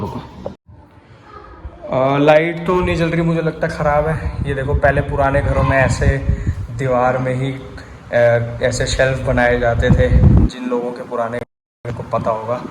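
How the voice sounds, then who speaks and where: Man, young adult, casual vlog chat, walking through an old empty house, noisy phone recording with traffic. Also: medium pitch. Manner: chatty, addresses viewers as bhai. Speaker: vlogger. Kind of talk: casual home tour vlog.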